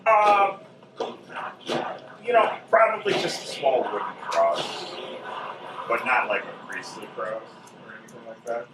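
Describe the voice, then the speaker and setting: A man's voice: mid-range voice, expressive, unhurried, pauses often. A man acting as game master, describing scenes in a loose, meandering way while narrating a tabletop horror game. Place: convention gaming room. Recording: echoey, distant, noisy convention room.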